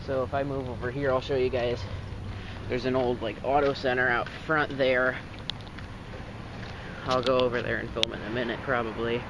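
Outdoors by an empty store and parking lot, with traffic and outdoor noise in the background, a vlogger exploring a closed store offers casual walkaround commentary. He thinks aloud and is easily amazed. His voice is mid-range and level, at normal speed with frequent pauses.

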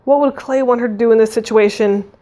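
A woman's voice: a little high, fairly even intonation, quick pace, dark tone. A woman reading a fantasy novel aloud, narrating expressively and voicing the dialogue. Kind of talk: audiobook reading.

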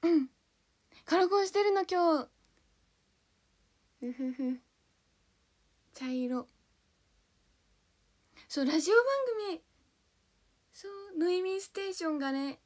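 Bubbly high-voiced young woman streamer. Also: slow, pauses often, a little mellow. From Kanto, Japan; born in Hiroshima. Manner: bubbly, giggly, thanks viewers one by one. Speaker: idol livestreamer. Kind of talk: casual livestream chat reading viewer comments.

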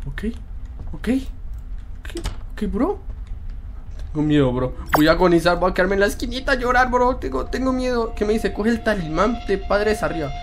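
A man's voice: high-pitched, animated, fast talker, few pauses, slight background noise. A young man commenting on a horror game, jokey and acting scared, using plenty of slang. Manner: jittery, jokey, feigning fright, slangy. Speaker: gaming YouTuber. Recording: game music behind.

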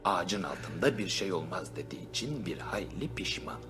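A man delivering deadpan mock nature-documentary narration. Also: deep voice, normal speed. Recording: music under narration. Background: music.

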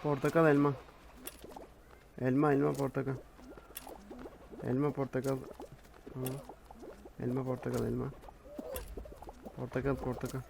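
A young man chatting through his gameplay in a mid-range voice, muttering to himself and now and then bursting into loud shouts. A faint hiss of noise sits under the recording. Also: mid-range voice, little pitch movement, moderate pace, vocal fry, pauses often. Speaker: gameplay commentator. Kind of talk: casual gaming commentary.

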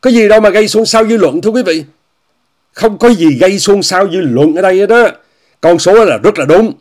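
Hosting an online commentary monologue, a man with a high, expressive, darkish voice talks fairly quickly to his viewers. He is repetitive, often repeating phrases and frequently saying "quý vị," and he mocks what he discusses in a scornful tone.

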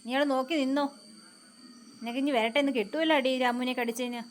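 A woman's voice: high-pitched, steady tone, quick pace, slight background noise. A woman from Kerala vlogging at home, coaxing and scolding her pet dogs in doting baby-talk. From Kerala, India. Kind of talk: casual home vlog talking to pet dogs.

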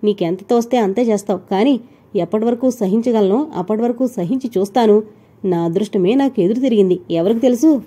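A woman voicing a quarrelsome, short-tempered young wife who scolds fast and sharply, in an audio novel. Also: a little high, dark tone, natural voice. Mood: angry scolding. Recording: dull lo-fi recording.

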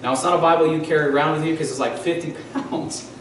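A pastor in his thirties delivers a sermon from the pulpit, posing questions to the congregation as he teaches, his voice slightly high for a man and a bit bright. He talks fast with fairly even intonation. A distant mic picks him up in a very echoey church hall, with faint hiss in the background.

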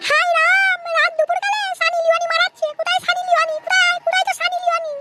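A woman voicing a quick-tempered cartoon mother who screeches threats and insults at her family. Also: extremely high pitch, little pitch movement, very noisy, voice pushed up. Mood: shrieking. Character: shrill scolding mother Pushpa, quick-tempered. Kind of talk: comic Bengali cartoon voice acting.

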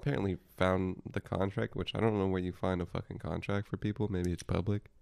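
A young podcast co-host talks fairly quickly in a low-pitched, darkish voice marked by vocal fry and flat delivery. Casual and profane, he rambles and drifts off mid-thought.

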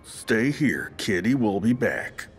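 An actor voicing a big, easygoing, protective furry monster in an animated game, with a husky, gravelly voice. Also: male voice, fairly low pitch, slow, faint music behind, heavily acted. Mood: gentle, protective. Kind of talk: animated video game acting.

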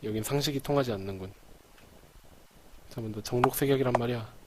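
A man's voice: medium pitch, fast talker. A man giving casual live commentary on a game, musing aloud and reading text out as he plays. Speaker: gamer playing a horror game live. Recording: clearly noisy home recording with clicks.

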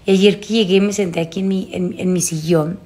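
A Mexican woman in her thirties speaks in a slightly low voice. She confides in her followers in casual, emotional, halting talk, recorded on a phone held at arm's length in a room at home. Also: steady tone, dark tone. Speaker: vlogger. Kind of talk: casual confessional chat to followers. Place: small room at home, indoors.

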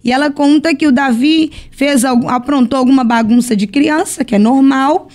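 A woman's voice: high voice, moderate pace, darkish tone. Brazilian woman bishop teaching by example. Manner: explanatory, tells stories with acted quotes. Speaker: church bishop guest. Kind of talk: teaching, religious podcast talk.

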